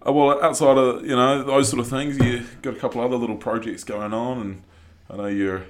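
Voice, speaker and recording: A man's voice: mid-range voice, fairly even intonation, brisk, slight background noise. A man with a broad New Zealand accent hosting a podcast in a casual, joking, slangy way. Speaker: podcast host. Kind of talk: casual interview chat.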